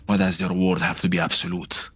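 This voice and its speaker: A man playing a proud, strong-willed warrior in a tabletop game, arguing earnestly in a husky voice. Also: low voice, monotone, brisk, soft background music. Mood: earnest, pleading.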